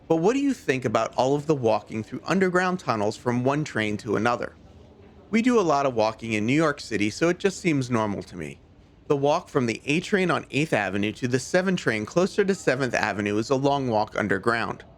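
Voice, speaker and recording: Male travel narrator, mid-pitched and animated, informative tour delivery, faint background noise.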